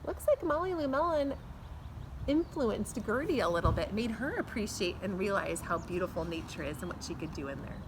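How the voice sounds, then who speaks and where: Outdoors on a backyard patio, a teacher in middle age reads a picture book to her pupils, stretching words for effect and tossing in little asides for the children. This American woman speaks in a mid-range voice at a moderate pace, with lively intonation. A camera a few feet off records her, and faint outdoor sounds linger behind.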